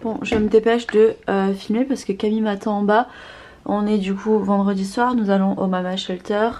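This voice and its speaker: Holding her camera or phone, a young vlogger chats to viewers in emphatic slang sprinkled with English phrases. She has a medium-pitched, dark-toned voice with a steady tone and moderate pace. The everyday recording is noticeably noisy.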